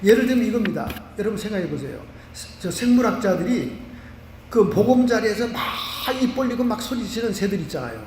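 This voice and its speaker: A Korean man, a pastor, preaching a lively sermon full of homely examples. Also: sits high, fairly quick, slight background noise. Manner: animated preaching with vivid everyday examples. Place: church sanctuary. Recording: roomy church hall from a distance.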